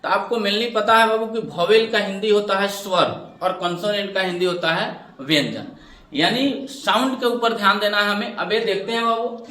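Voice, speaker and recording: In an echoey room, a man's high-pitched, sharp voice comes from a distance at a moderate pace. He explains English grammar step by step to his class, addressing them as "babu" and supplying answers to the questions he raises.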